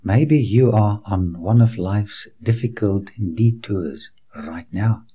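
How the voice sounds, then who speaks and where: A man narrating a documentary in a slow, unhurried delivery, guiding the viewer from place to place like a tour guide. His voice is low, dark and a little husky. His intonation rises and falls widely as he speaks earnestly and reassuringly to the viewer as a friend. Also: animated. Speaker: documentary presenter. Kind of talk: scripted documentary narration with preaching asides.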